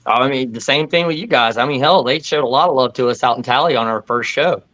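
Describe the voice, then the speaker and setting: A man's voice: medium pitch, fast, fairly bright tone, highs cut off. Man with a casual Florida accent. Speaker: band vocalist and guitarist. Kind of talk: casual chat.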